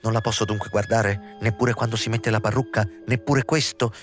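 A man's voice: fairly low pitch, steady tone, moderate pace, faint music behind, natural voice. A man reading the part of a vain, haughty male theatre director with a sniffy, pompous manner. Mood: pleading.

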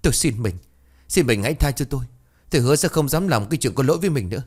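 A man's voice: medium pitch, expressive, very fast, a little mellow, voice pushed up, lightly acted. A man voicing a terrified young concubine who begs tearfully for mercy in a spoken ghost story. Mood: pleading. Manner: begging, tearful.

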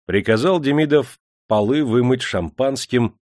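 A man narrating an audiobook in expressive, measured storytelling. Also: medium pitch, dry recording, studio quality. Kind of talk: scripted narration.

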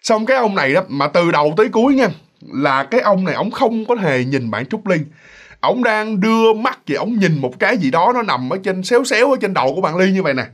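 A man tells a ghost story to his listeners. His voice sits high and swoops through a wide range as he chats along, and he slips into the voices of the people in the story. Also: fast talker. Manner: chatty and animated, addresses listeners directly, acts out voices.

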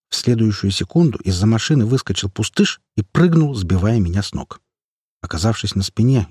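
A man's voice: on the low side, a little mellow, slightly rough, no room sound, studio quality. A man narrating an action story audiobook in the first person, telling it dramatically.

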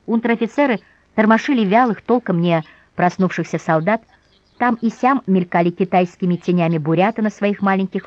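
A woman narrating an audiobook in a measured, expressive way. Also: fairly low pitch, no echo, dull audio.

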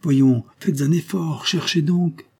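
A man's voice: medium pitch, a little fast, mellow, breathy edge, natural voice. A man reading the part of a weary young widow who turns nervous and insistent when money comes up. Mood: feverish. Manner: fretful, nervous, turning insistent.

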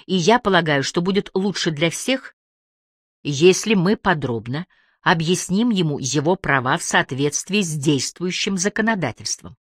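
A woman's voice: on the low side, lively intonation, no echo, studio quality. A woman reading a polite, formal young man. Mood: earnest persuasion. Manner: formal, measured pleading. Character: polite educated male Pakistani man, careful and persuasive.

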